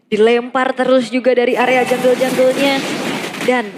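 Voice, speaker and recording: An Indonesian woman works as a live esports commentator. Her voice sits high and comes through over very loud venue noise. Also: level tone, moderate pace. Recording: loud ambient arena noise behind.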